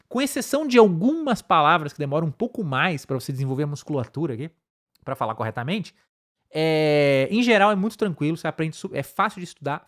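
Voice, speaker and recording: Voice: medium pitch, a bit bright. Um professor de inglês com sotaque brasileiro explica pronúncia numa aula de curso online, repetindo palavras devagar para demonstrar e pontuando as frases com "tá?" e "né?". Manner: explanatory, tag questions "tá?" and "né?", repeats words slowly to demonstrate. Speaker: English teacher. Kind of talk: online course lesson.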